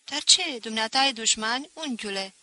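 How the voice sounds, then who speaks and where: A woman's voice: fairly high pitch, lively intonation, pushed and bright. Woman voicing an earnest teenage boy. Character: eager teenage boy, polite nephew. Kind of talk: audiobook reading.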